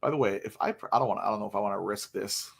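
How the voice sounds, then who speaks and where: A man's voice: lowish voice, very fast, creaky, breathy edge. Sleepy, rambling young man streaming. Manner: rambling, filler-heavy, chatty. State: sleepy, yawning. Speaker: hockey livestream host. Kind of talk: casual live stream chat.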